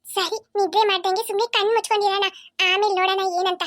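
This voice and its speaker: Very squeaky cartoon little boy, nosy and suspicious, voiced by a performer, quick, music under it. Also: little pitch movement, a bit bright, no echo. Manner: wondering, muttering to himself. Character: suspicious young boy, curious and sneaky. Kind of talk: cartoon voice acting. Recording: music playing behind.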